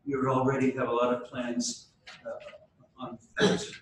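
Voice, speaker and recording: A man addresses a church gathering in a measured, formal way and then leads a prayer, now and then catching himself in small halting restarts. His mid-range voice sits well away from the microphone and is swallowed by a deep cathedral echo. A faint room ambience sits beneath it. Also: little pitch movement, a little hiss or hum. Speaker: church leader opening a diocesan meeting. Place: large church hall. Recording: cavernous church echo from a distant mic.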